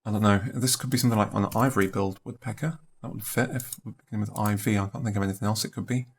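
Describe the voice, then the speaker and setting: Man, young adult, deep-ish voice, rough vocal fry, mumbled guesses, thinking-aloud commentary. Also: steady tone. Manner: musing, unhurried, trailing off in half-spoken guesses. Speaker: let's play host.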